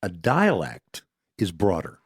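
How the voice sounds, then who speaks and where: Low-voiced man, rambling. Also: huge pitch swings, takes it slowly, breathy edge, no echo, studio quality. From Texas. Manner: rambling, restarts often. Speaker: podcast co-host. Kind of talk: casual conversation.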